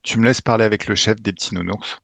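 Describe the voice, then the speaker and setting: A man's voice: fairly low pitch, fairly even intonation, fast talker, creaky, a bit bright, slight background noise. A man leading a hypnosis session, commanding and emphatic, with casual swearing. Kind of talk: guided regression session.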